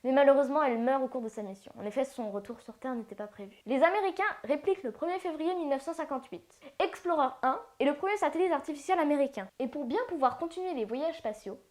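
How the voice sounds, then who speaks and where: High-voiced woman narrating space history. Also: animated, quick pace, few pauses, a little mellow. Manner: playful, slangy asides. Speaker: science channel narrator. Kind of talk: casual educational narration.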